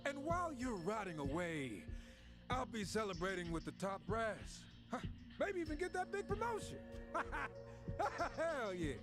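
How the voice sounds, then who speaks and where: A man's voice: high-pitched, very animated, moderate pace. An actor playing a corrupt, sneering police officer in a video game cutscene, mocking and gloating as he frames a suspect, with game music behind. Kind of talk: game dialogue acting. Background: game music score.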